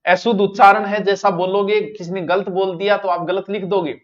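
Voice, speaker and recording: A man's voice: high-pitched, level tone, brisk, lo-fi sound. A man teaching an exam-prep lesson, talking straight to his students and repeating the key words.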